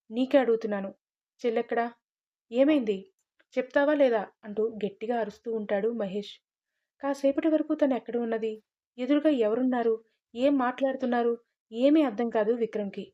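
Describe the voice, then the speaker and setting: A woman narrates a dramatic story with steady, expressive delivery, her voice a little higher than most. The recording sounds somewhat muffled and lo-fi.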